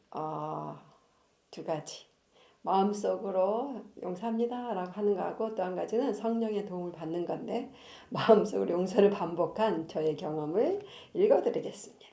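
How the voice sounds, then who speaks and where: A woman's voice: medium pitch, gravelly, darkish tone. A woman who hosts a family-counseling channel, chatting casually about marriage and reading from her own book, laughing often between sentences. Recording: echoey room.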